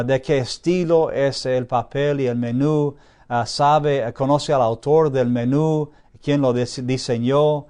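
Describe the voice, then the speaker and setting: A man giving a classroom lecture in an even, middle-range voice. He thinks aloud with long "ah" fillers and keeps checking that his students follow. He slows right down whenever he stresses a key phrase. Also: medium pitch, clear, resonant tone. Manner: checks in often with a questioning "¿sí?"; frequent drawn-out "ah" fillers while thinking. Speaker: Bible institute teacher.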